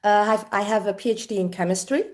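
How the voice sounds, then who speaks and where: A woman's voice: medium pitch, steady tone, fast, darkish tone. A middle-aged woman from the Netherlands, an executive coach, answering interview questions in a thoughtful way with frequent fillers.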